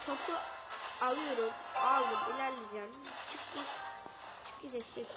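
A woman commentating her own gameplay, excitable and quick to yell and curse at her teammates. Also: sits high. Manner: excitable, yelling at teammates, cursing. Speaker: gamer. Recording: tinny phone-like sound. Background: loud game music.

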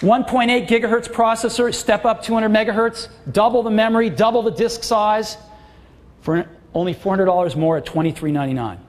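A middle-aged man giving a product launch keynote on a large auditorium stage, with emphatic, enthusiastic salesmanship. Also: sits high. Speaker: keynote presenter. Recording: long hall reverb, faint crowd.

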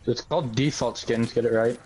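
A man's voice: medium pitch, steady tone, fairly quick, darkish tone, a little hiss or hum. A man gamer in casual voice chat, blunt and teasing, swearing often. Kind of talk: casual voice chat while gaming.

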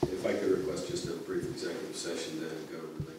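A man, the borough solicitor, giving a quick, businesslike report. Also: low voice, steady tone. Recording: echoey room from far off with loud noise.

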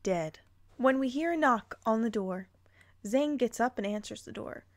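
Reading fan fiction aloud with dramatic flair, a female host cuts in now and then with playful disbelief. She sounds slightly high-pitched and animated, yet she never rushes.

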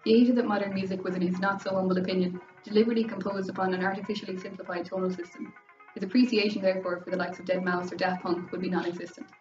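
Racing through scripted educational narration, a young Irish-accented student presenter speaks at medium pitch with fairly even intonation and a slightly mellow tone. The muffled, band-limited recording has a roomy, distant-mic sound and faint background music.

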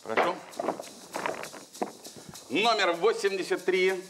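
High-pitched male bingo caller. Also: takes it slowly. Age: middle-aged. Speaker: lottery game show host. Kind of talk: bingo caller announcing drawn numbers. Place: large TV studio with audience. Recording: noisy old TV studio broadcast.

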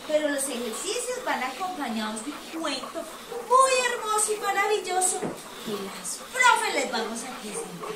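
A woman's voice: sits high, sing-song, moderate pace, recorded from a distance, background noise. A young woman, a preschool teacher leading a playful children's lesson with animal sounds, exclamatory and sing-song. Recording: echoey room, a bit off-mic, faint music.

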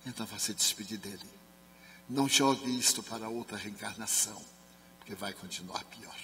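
A Spiritist speaker and medium from Brazil, a man, telling a personal story at a seminar, acting out the dialogue and dropping to soft murmurs when quoting others. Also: on the low side, steady tone, normal speed. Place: large sports and culture hall. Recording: reverberant hall, faint hum.

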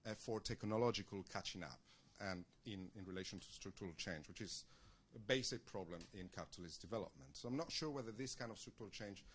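A man in the audience asking academic questions at a panel discussion in a large conference room, measured with hesitant restarts. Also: on the low side, a bit bright, slight background noise.

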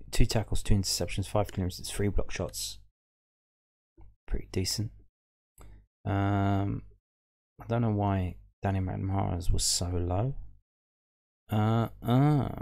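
He speaks at a measured pace in a lowish, steady, slightly mellow voice that's creaky and full of pauses. As a fan show host, he casually works through football match statistics on screen, thinking aloud over the table.

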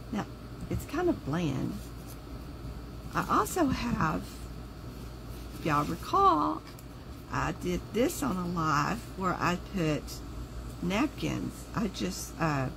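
This craft host's voice is pulled low and rough by a sore throat as she talks casually through a project on a livestream, musing aloud while she works. The overhead camera on her table catches only her hands, and the noisy room leaves a steady hum beneath her.

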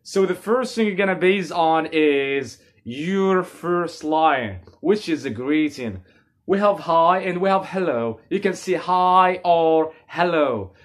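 A man in his twenties from Morocco giving a casual English video lesson from a small bedroom, gesturing a lot and slowing down to model example phrases. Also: a little high, expressive. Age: 20s. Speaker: English teacher. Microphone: camera in front, medium framing.

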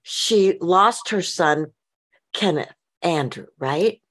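A woman's voice: on the low side, lively intonation, slow. A woman hosting a podcast interview, introducing her guest with upbeat enthusiasm. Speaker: host.

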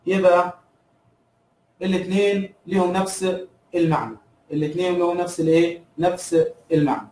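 Fast-talking Egyptian man teaching. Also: high-pitched, a little mellow, echoey room, distant mic, rough recording. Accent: Egyptian Arabic. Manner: asks and answers his own questions, repeats key terms. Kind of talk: recorded review lesson.

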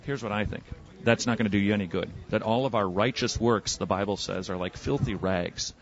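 A man debating religion on the street as an evangelist and radio host, pressing with quick probing questions. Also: lowish voice, dull audio. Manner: probing, rapid-fire questioning. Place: outdoors on a city street.

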